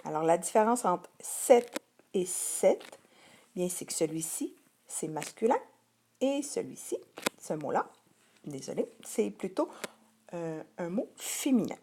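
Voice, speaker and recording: A middle-aged woman with a Québécois French accent, teaching children a vocabulary list slowly and patiently, repeating each word carefully. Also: fairly low pitch, sing-song, noisy background.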